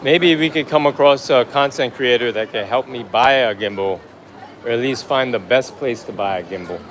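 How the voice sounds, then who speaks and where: A man live-streaming as he walks a busy city street, rambling in a relaxed way and greeting chat viewers by name. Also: mid-range voice, moderate pace, a little hiss or hum. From United States. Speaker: livestream vlogger. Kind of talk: casual live-stream chat while walking. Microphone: handheld phone on a gimbal.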